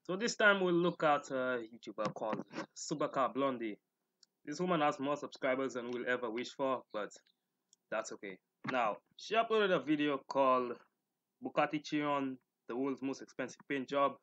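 Young male host, medium pitch, casual comment-reader, slangy and mocking. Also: normal speed, a bit bright, muffled recording. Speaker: YouTube host reading and reacting to comments.

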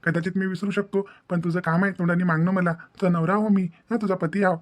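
With a high-pitched, lightly acted voice and fairly even intonation, a man plays an earnest young husband in an animated family drama. Speaking a little fast in a Maharashtrian Marathi accent, he lectures insistently, tacking on questioning tags, sounding caring yet insistent.

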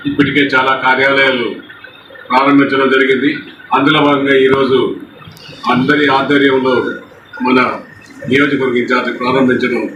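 A man's voice: medium pitch, level tone, a little fast, pauses often. A man from a local Telugu party gives a formal political speech, full of honorifics and thanks, at a party office opening. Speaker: party speaker. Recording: echoey, distant, noisy news mic.

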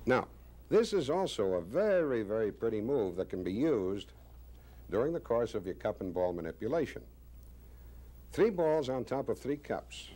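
A man in his sixties, a magician presenting a demonstration with deliberate, showman-like, wryly self-praising patter. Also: mid-range voice, big pitch swings, mellow. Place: small indoor studio stage with curtain. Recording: faint background noise.

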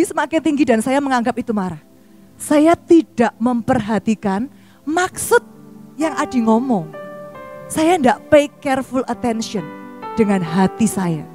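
A woman preacher delivers a sermon. She speaks a little above the usual pitch and brings her story to life by acting it out. Faint music plays under her voice. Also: a little mellow.

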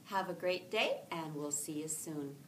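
Storytime in a school classroom: a middle-aged woman teacher reads a picture book to children, deliberately and expressively, lengthening her words. The mic is a camera a few feet off, so the recording has room echo, distance, and a faint rumbling in the background.

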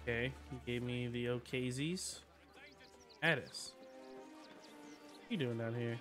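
A man's voice: mid-range voice, slow, music in the background. A man hosting a let's play, giving casual, offhand, sweary commentary and reading game text aloud.

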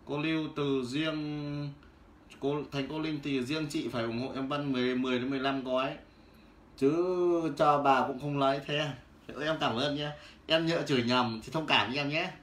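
A man, hawking goods on a casual livestream, loud and teasing as he calls out viewers by name. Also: on the high side, moderate pace. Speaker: livestream seller. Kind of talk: casual livestream sales patter. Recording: roomy with faint background noise.

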